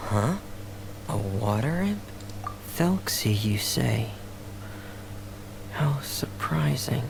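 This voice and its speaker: Shy teenage boy, creaky voice. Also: medium pitch, lively intonation, very slow, background noise, heavily acted. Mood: reserved, hesitant. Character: shy, soft-spoken, reserved teenage boy diver. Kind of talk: anime game voice acting.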